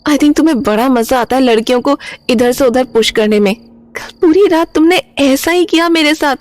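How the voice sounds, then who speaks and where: A woman's voice: high voice, moderate pace, a little mellow, no room sound, close to an everyday voice. An actress playing a dramatic young woman, an aspiring model, who whines and mixes Hindi with English. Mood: indignant. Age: young adult. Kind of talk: audio drama acting.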